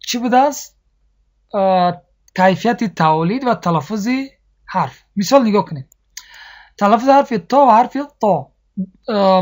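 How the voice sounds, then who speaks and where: Patient recitation teacher. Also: medium pitch. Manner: patient, repeats each point and asks if students understood; slows down to model recited sounds. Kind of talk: recorded tajwid lesson.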